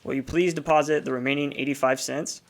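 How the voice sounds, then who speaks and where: Man acting brisk telephone operator, gravelly mid-pitched voice, formal, businesslike, radio play, faint noise. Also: fairly even intonation, natural voice.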